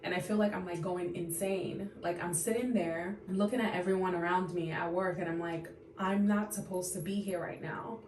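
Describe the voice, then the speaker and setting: A woman in her thirties speaks in a lowish voice, fighting back tears as she pours out her feelings to camera. She stops often, sighs and searches for words. The room rings with echo under a faint background hiss. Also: steady tone, a little mellow. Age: 30s. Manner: tearful, halting, full of fillers and sighs. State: on the verge of tears. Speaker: vlogger. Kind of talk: unscripted emotional confession to camera.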